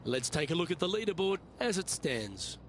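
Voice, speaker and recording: A man's voice: sits high, sing-song, moderate pace, heavy background noise. A man speaking as a golf commentator, giving play-by-play as the lead announcer of a tournament broadcast. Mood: composed. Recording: loud crowd and outdoor ambience behind.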